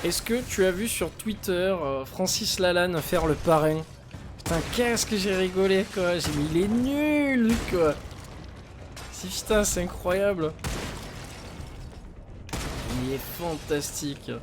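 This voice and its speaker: A man's voice: high-pitched, unhurried, background noise. A man giving live, rambling commentary while he plays a video game, with lots of fillers and pained cries when he gets hit. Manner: rambling and casual, with many fillers and pained exclamations. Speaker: streamer. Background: game music.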